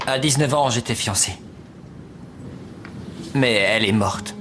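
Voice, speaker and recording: A man's voice: mid-range voice, measured pace, close to an everyday voice. An actor playing an earnest, awkward policeman in a dubbed TV comedy-drama, speaking hesitantly. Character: earnest, awkward, jumpy male police officer. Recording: music behind the voice. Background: music.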